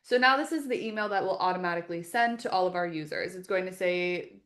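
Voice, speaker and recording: A woman leading a live webinar as a software trainer, explaining each step in a friendly, practical, instructional way. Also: on the low side, animated, fast. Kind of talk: live webinar screen-share tutorial.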